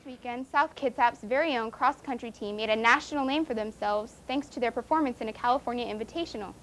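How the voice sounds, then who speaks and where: A young woman anchoring a school news show, reading briskly and interviewing a guest. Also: on the high side, fairly bright tone, a little hiss or hum, low-quality recording. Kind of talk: studio interview.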